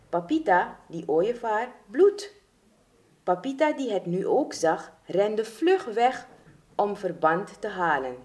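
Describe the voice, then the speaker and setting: A woman reads a children's story aloud. Her delivery is slow and expressive, and her pitch rises and falls widely as she dramatizes the tale.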